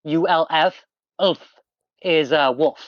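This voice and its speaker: Speaking at a slow pace in a medium pitch, a game master casually explains options to a player while running a tabletop game on stream, wandering a bit and leaning on fillers in a chatty, explanatory manner. There's no room sound, and the audio is lo-fi.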